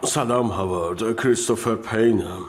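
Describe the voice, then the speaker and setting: A man dubbing a weary middle-aged husband and father, speaking in a halting way with fillers. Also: fairly low pitch, slight background noise, natural voice. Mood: hesitant. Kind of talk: dubbed drama dialogue.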